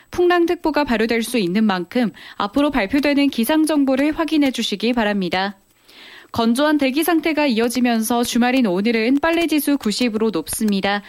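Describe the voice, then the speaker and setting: A female caster reads a scripted radio bulletin on weather and safety. Her voice is fairly high.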